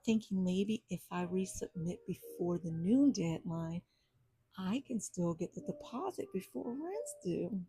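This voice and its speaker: A woman hosting a podcast, telling a personal story in an animated, sassy way with churchy asides. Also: mid-range voice, unhurried, husky, dry recording, low-quality recording. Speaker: podcast host. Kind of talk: storytelling monologue. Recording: soft jazz music behind.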